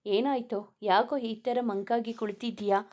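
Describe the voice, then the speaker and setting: A woman's voice: on the high side, fairly even intonation, moderate pace, warm tone, natural voice. A woman voicing a caring young man who reassures his friend in a soothing way. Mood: concerned.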